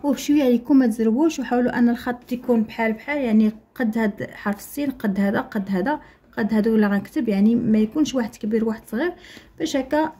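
A young Moroccan woman teaching young children to write letters, slowly stretching out syllables and repeating them for the class to copy. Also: on the high side, mellow, breathy edge. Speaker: primary school teacher. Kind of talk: slow, patient handwriting lesson for young children.

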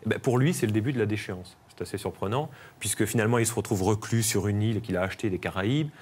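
A man reviews a film in a TV studio, speaking keenly and recommending it. His voice sits on the low side of ordinary. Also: fast, darkish tone, husky. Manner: enthusiastic, recommending. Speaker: film columnist.

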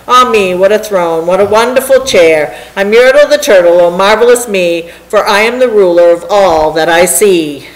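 A woman's voice: mid-range voice, moderate pace, few pauses, lightly acted, rough recording. A woman voicing a bragging, bossy turtle king in a storybook, pompous and commanding. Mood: gloating.

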